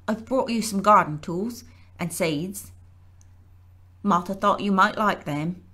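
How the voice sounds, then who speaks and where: A woman's voice: mid-range voice, takes it slowly, sharp tone, husky, heavily acted. A woman reading aloud and voicing a friendly, cheerful country boy who talks plainly.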